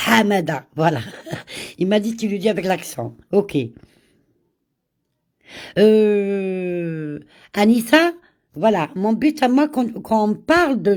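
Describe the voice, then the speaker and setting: Speaking in a mid-range, slightly mellow voice, a live stream host with a cold takes her time and repeats words. She welcomes viewers by name during the casual chat and works in Arabic greetings.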